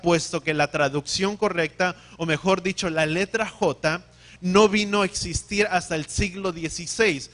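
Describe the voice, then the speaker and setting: A man preaches in a high, bright voice. He teaches carefully, puts questions to his listeners and corrects himself as he goes. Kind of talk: sermon.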